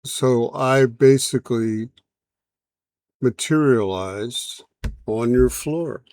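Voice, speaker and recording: A man voicing a calm, solemn alien envoy. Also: mid-range voice, dry recording. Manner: measured, formal, unhurried speech.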